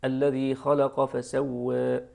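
A man's voice: medium pitch, completely flat delivery, takes it slowly, creaky, darkish tone. A man with an Algerian Arabic accent, a Quran recitation teacher patiently correcting callers' recitations on a live broadcast. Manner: patient, explanatory, demonstrates pronunciation.

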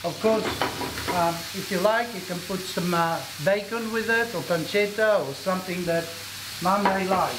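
A man's voice: high-pitched, normal speed, noisy background. A middle-aged man, hosting a cooking demonstration and chatting instructively as he cooks in a commercial kitchen. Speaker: cooking show host. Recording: echoey kitchen with faint sizzling.

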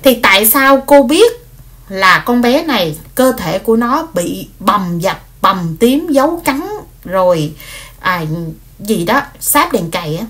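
A woman, retelling a story in casual speech, animated, with many fillers and repeated words. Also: medium pitch, takes it slowly.

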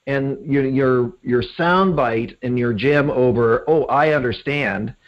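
A man's voice: medium pitch, slow pace. A man hosting an interview, speaking reflectively and conversationally to his guest and listeners. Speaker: podcast host, interviewer. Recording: dull lo-fi podcast audio.

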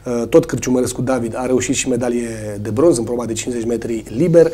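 A swimming coach, hoarse a cold, answering in a studio interview with many hesitations. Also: male voice, medium pitch, steady tone, dark tone.

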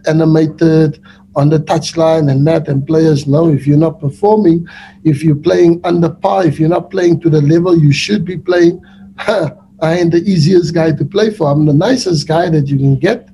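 A man in his forties with a South African accent, a football coach answering press questions in a relaxed, rambling way with many restarts, speaking over a webcam on a video call. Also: on the high side, moderate pace, a little hiss or hum, rough recording. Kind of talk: post-match press conference answers. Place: indoors before a sponsor backdrop.

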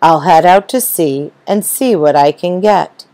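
A woman voicing a kindly male fisherman who reassures in a steady voice. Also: lowish voice, unhurried, poor audio. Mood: reassuring.

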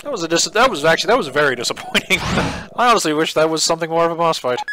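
A man's voice: fairly high pitch, animated, very fast, bright, forceful tone. A man giving casual, rambling let's play commentary as a gaming YouTuber, laughing at the game. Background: game music.

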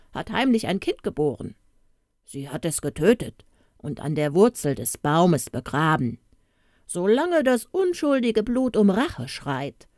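A woman voicing a brutish, all-knowing male ogre in a fairy-tale audiobook, gruff and grumbling. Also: fairly low pitch, darkish tone, dry recording, studio quality. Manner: gruff, growling.

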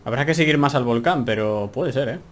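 A young gameplay streamer with a Spain Spanish accent plays a game from home, talking a little fast at medium pitch. His casual let's-play commentary is chatty and full of exclamations, and he talks to himself while he plays.

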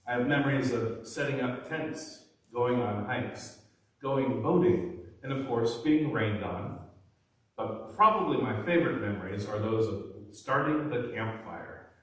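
A man in his thirties, a pastor with a stuffy nose, giving a measured, deliberate sermon from a pulpit in a large church. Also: mid-range voice, fairly bright tone. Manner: measured, deliberate preaching with lists and emphasis. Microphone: far camera, pulpit. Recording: very echoey sanctuary, distant mic.

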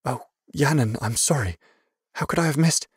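Man voicing a soft, anxious mother. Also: medium pitch, a little fast, no room sound, studio quality, pitched above the performer's own voice, lightly acted. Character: anxious polite mother, gentle woman.

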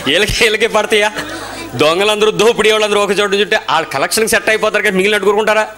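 Racing through his sermon, a man with a Telugu accent fires rhetorical questions and swings between loud outbursts and low asides.

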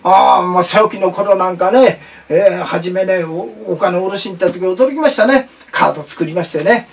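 A man's voice: high-pitched, moderate pace, vocal fry, distant mic. A man performing a comic monologue on stage without an audience, chatty and playful with many asides. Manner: chatty, playful, lots of asides and voiced impressions. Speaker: rakugo storyteller. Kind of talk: comic monologue, then storytelling narration.

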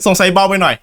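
A young man chats playfully through a game, his pitch bouncing high and low as he laughs and jokes. Faint music plays behind him. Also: fairly bright tone. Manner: playful, laughs often, jumps into high squeaky voices. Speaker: gaming YouTuber. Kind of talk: casual game commentary.

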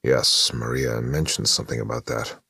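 A man voicing a quiet, reserved older widower who runs a motel, in an audiobook. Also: rumbling low, level tone, normal speed, vocal fry, breathy edge, no echo, clean studio sound, full character voice. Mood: subdued. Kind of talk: audiobook narration.

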